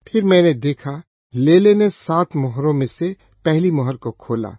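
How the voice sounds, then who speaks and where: A man reads scripture in a measured, solemn way, his voice husky and a little breathy. The recording is dry and close, with a dull, slightly lo-fi sound. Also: on the high side, expressive, dry recording. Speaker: scripture reader.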